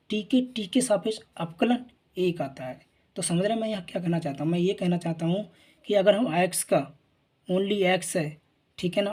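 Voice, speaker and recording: A man's voice: high-pitched, a little mellow, slightly rough. A man teaching a math lesson, working through examples step by step, asking questions and answering them himself, with frequent check-ins. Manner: repeats "theek hai na", asks and answers his own questions. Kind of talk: explaining at a board.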